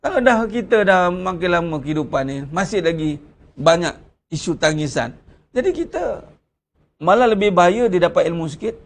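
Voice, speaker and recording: Male religious teacher, Malaysian Malay accent, high-pitched, conversational sermon delivery with rhetorical questions. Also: expressive, moderate pace, vocal fry. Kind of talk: Ramadan religious lecture.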